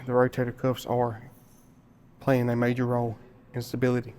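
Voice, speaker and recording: A fitness vlogger explains his shoulder workout in a casual gym chat, out of breath and a bit winded from a cold. His ordinary mid-pitched, slightly mellow voice is caught by the camera mic at normal speed with completely flat delivery. He repeats points to drive them home and grunts with effort between sets, over slight background noise.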